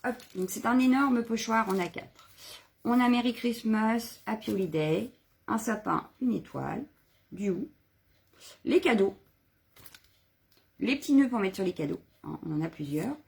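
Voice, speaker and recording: A woman hosts a relaxed live craft session, talking through stamps and stencils in a loose, chatty way. Her voice is husky with a gravelly edge, and she often corrects herself mid-sentence. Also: on the high side, a little slow, long pauses. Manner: chatty, rambling, many fillers and self-corrections. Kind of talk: casual live craft show-and-tell.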